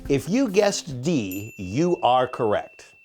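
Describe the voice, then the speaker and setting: A man's voice: mid-range voice, very animated, slow pace, darkish tone, faint music behind. A man narrating an educational parenting quiz, reading multiple-choice questions with playful emphasis. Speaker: author and narrator.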